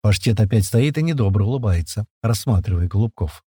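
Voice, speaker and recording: Man narrating a lively audiobook. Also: fairly low pitch, brisk, husky, dry recording, clean studio sound. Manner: lively, colloquial storytelling. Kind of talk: first-person audiobook narration.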